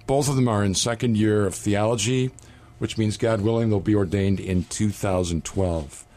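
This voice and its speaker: A man with a fairly low voice hosts a radio talk show as a seminary rector. He speaks in a measured, earnest manner, introducing guests and asking questions in a studio setting. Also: fairly even intonation, mellow.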